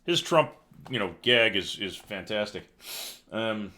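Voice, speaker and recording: A man's voice: lowish voice, animated, a little slow, pushed and bright. A man hosting a casual live news commentary stream, reading headlines aloud and cutting in with sarcastic, exasperated asides. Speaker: livestream news commentary host.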